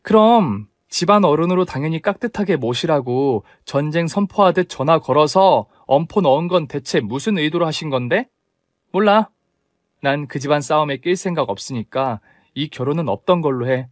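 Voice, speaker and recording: A man voicing a sharp, indignant young woman who scolds her fiancé in a storybook tale. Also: on the high side, animated, a little fast, hardly any pauses, dry recording, clean studio sound, natural voice. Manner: scolding, demanding.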